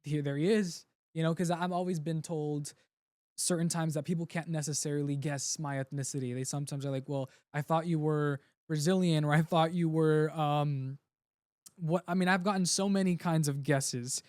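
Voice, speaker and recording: A young Puerto Rican man, a native Spanish speaker, talks earnestly and from the heart as a guest in a casual interview, often restarting his sentences. His voice sits on the high side with a steady, darkish tone at a moderate pace, recorded dry with clean studio sound.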